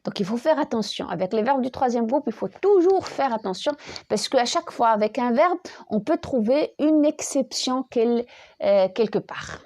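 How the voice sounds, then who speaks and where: Woman teacher, grammar lesson, slightly high voice, patient, spells letter by letter, repeats words. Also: expressive, normal speed, dark tone. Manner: repeats words and restarts often. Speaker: French teacher.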